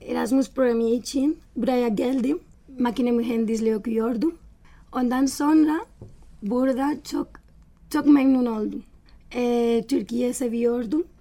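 A young woman with a Spanish accent gives an interview in a high, mellow voice. She speaks slowly in broken, halting foreigner's phrases, often correcting her own word endings as a non-native speaker. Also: fairly even intonation. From Spain, Valencia. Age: 20s. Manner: halting, broken foreigner's Turkish with grammar slips and self-corrections. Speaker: interview guest. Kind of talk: personal interview.

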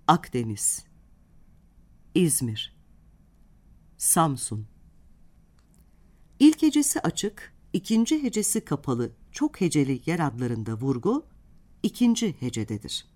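Low, lively-voiced woman teaching on radio. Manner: deliberate, spells out syllables and example words one by one. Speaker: radio host and Turkish language teacher. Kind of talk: scripted radio language lesson.

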